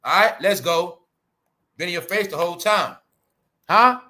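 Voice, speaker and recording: This Brooklyn man is hosting a livestream, heated and swearing as he calls out to viewers with "y'all" and "bro." He speaks a little slowly in a high, expressive voice that's bright and forceful.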